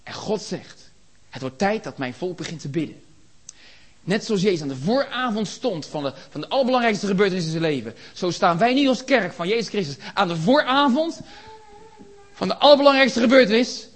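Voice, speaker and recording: A man preaching a sermon in a church, impassioned, building to shouts and rhetorical questions. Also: sits high, animated, brisk.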